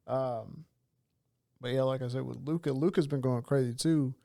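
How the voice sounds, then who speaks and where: A man co-hosting a podcast in casual sports chat, quick and excitable, rattling off stats. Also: medium pitch, creaky, no room sound, clean studio sound. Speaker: podcast co-host.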